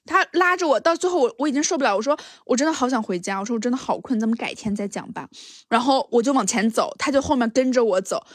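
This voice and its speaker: A woman chatting on a podcast, telling an animated story, laughing often and acting out what people said. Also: fairly high pitch, quick pace, slightly rough, no room sound, clean studio sound. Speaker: podcast co-host. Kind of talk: casual chat, storytelling.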